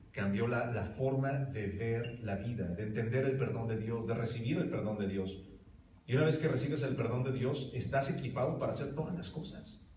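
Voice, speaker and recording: A man delivers a sermon from some way off the microphone, his voice filling a reverberant church hall. He sits at an average pitch and talks with emphasis, turning to the congregation with direct questions. A faint murmur of the room sits underneath. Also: a little mellow, slight background noise. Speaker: preacher. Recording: roomy hall from a distance.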